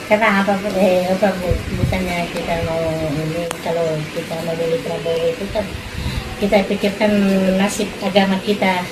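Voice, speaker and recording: A woman's voice: lowish voice, steady tone, fairly quick. A woman earnestly arguing a political point, asking rhetorical questions to her listeners. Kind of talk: persuasive casual talk. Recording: echoey room with background noise.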